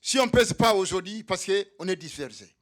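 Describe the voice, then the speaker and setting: Speaking up for undocumented migrants, a man rallies his comrades at a solidarity evening in a meeting hall, hammering his points through repetition in a militant speech. He talks at a moderate pace in a high-pitched, somewhat bright voice with lively intonation.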